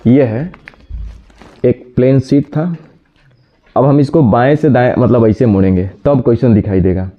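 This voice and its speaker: Scolding teacher. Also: male voice, medium pitch. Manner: scolding, brisk, addresses students directly. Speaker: reasoning teacher. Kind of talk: classroom lecture. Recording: dull lo-fi sound.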